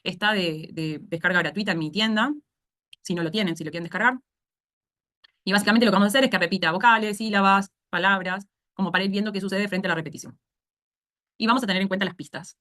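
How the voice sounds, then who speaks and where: Quick-talking Rioplatense woman teaching a course. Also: medium pitch, fairly bright tone. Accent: Rioplatense Spanish. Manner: explanatory, asks "¿sí?" to check understanding. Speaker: speech therapy instructor. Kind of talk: online course lecture.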